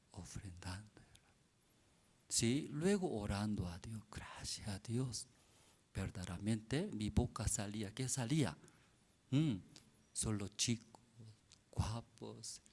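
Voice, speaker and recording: A male pastor preaching a sermon at a prayer service, acting out scenes in simple, halting phrasing and swinging between shouts and whispers. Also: on the low side, slightly rough. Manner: dramatic, acts out scenes, shouts and drops to whispers.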